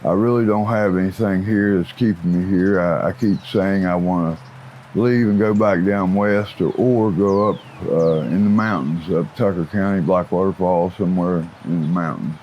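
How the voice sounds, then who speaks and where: A low-voiced Appalachian man in his fifties with a plain-spoken biker manner. He gives candid interview answers in rough, folksy grammar, with clear outdoor noise and birdsong around him. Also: steady tone, moderate pace, muffled recording. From West Virginia. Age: 50s. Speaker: interview guest, former biker gang associate. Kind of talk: candid interview answers about own life.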